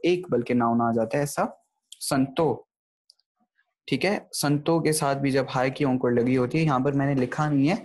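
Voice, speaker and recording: A man's voice: a little high, darkish tone. A man giving an online grammar lecture, explaining step by step and often checking in with his listeners. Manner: explanatory, keeps checking in with "thik hai". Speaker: Gurbani grammar teacher.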